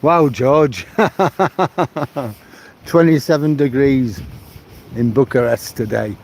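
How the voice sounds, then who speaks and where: A man in his seventies from Manchester, England, speaks with a Mancunian accent in a mid-range voice, stretching out his words. He's live-streaming at night while strolling a seaside promenade, reading viewer comments and greeting people by name. Wind and sea sounds fill the background, and loud wind noise hits the mic.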